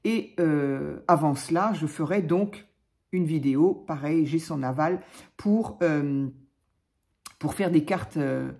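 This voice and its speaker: A woman's voice: deep voice, slow, creaky, darkish tone. A woman hosting her craft channel, chatting casually and gushing over paper creations with many fillers. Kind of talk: casual chat unboxing crafts.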